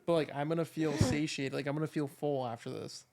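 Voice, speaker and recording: A man's voice: a little high, fairly even intonation, a little fast, creaky, darkish tone. A man co-hosting a casual podcast chat, laid-back and sincere, repeating his points. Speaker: podcast co-host. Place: podcast set with camera and microphones.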